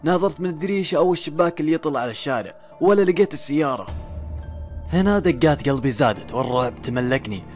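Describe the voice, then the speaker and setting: A man tells a horror story in the first person at a brisk, rushing clip. His voice sits a little high for a man. He builds suspense with pauses and questions to himself over faint background music. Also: expressive, darkish tone.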